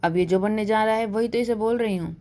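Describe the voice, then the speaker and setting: A woman's voice: mid-range voice, brisk, warm tone, lightly acted. A woman voicing a brash young female college student who mockingly teases her friend in a storybook reading. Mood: teasing.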